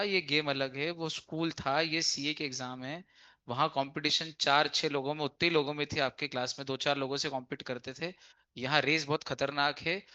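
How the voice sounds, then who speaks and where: A man's voice: a little high, sharp tone. A male exam-prep teacher giving an emphatic classroom lecture, often asking his students rhetorical questions and mixing English legal terms into his explanations. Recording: dull lo-fi lecture recording.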